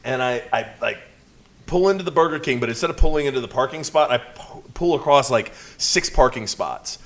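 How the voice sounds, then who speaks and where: Man, podcast co-host, crude and teasing, animated storyteller, medium pitch. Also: fairly quick. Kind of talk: candid casual podcast chat.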